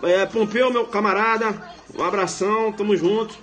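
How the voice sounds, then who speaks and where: A Brazilian man gives a casual live law lecture, slangy and playful, tossing tag questions at his viewers. His voice sits somewhat high for a man. Soft music plays faintly behind him. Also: fairly even intonation, moderate pace. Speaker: law professor.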